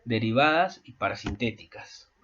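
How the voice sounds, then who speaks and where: A male school teacher explaining a grammar lesson to his class, often pausing to check that students follow. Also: medium pitch, animated, a bit bright, muffled recording, slight background noise. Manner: explanatory, frequent checking questions. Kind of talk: online class lecture.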